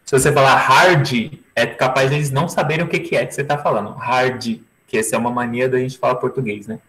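A man's voice: mid-range voice, fairly even intonation, rapid-fire, poor audio. A man teaching English in an online lesson, patiently repeating each word and phrase for his students over a video call.

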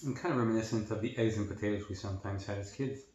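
A man's voice: lowish voice, racing, darkish tone, highs cut off, a little hiss or hum. Man talking while chewing, echoey room. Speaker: mukbang host. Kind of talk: casual eating commentary.

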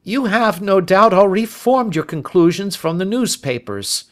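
A man's voice: high-pitched, sing-song, moderate pace, voice pushed up. A man voicing a lean, sly, self-satisfied Scotland Yard inspector in an audiobook, with a cocksure, indulgent manner. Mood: smug, indulgent.

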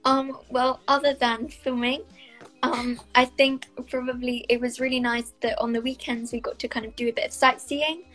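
Sitting high and fairly bright, this young South Wales actress's Welsh-accented voice shows little pitch movement at normal speed. She answers interview questions casually and thoughtfully, with many fillers and hedges, on a laptop webcam call from a small bright room, with faint music behind a rough recording.

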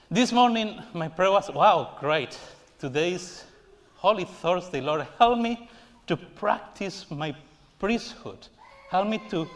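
Slow, high-voiced priest preaching. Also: male voice, a bit bright. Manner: slow, earnest preaching with playful self-mocking jokes. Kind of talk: homily. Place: large church sanctuary, standing before the altar. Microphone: far camera at the back of the church.

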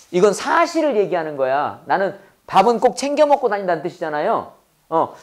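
Lively, drilling male English teacher. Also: high voice. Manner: asks questions and answers them himself, repeating phrases. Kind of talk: classroom lecture with repeat-after-me drills.

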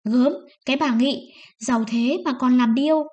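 A woman's voice: high voice, normal speed, darkish tone. A woman voicing a poor, desperate peasant wife who pleads and sobs, raising her voice above her reading tone. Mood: sobbing. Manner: pleading, sobbing.

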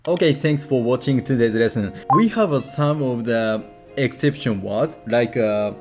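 A man with a Japanese accent teaching a casual language lesson, repeating syllables slowly for drills and saying "okay" often. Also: mid-range voice, animated, music in the background.

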